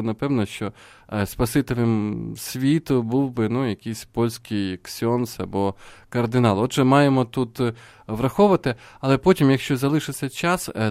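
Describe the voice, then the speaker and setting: Calm priest explaining on radio. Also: male voice, medium pitch, no room sound, studio quality. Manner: calm, explanatory, with many fillers. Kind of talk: radio talk with catechesis. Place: radio studio. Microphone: studio mic.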